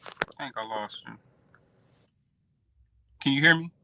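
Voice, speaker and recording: A man speaking as a community representative guest from a car over a choppy, breaking-up video call, his speech halting and fragmented. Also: mid-range voice, creaky, sharp tone, no echo, low-quality recording. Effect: choppy, breaking-up video call connection.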